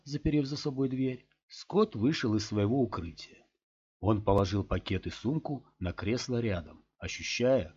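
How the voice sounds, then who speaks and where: A man with a low voice narrates an audiobook in a steady, measured way. The recording is dull and lo-fi. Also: slightly rough. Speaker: audiobook reader.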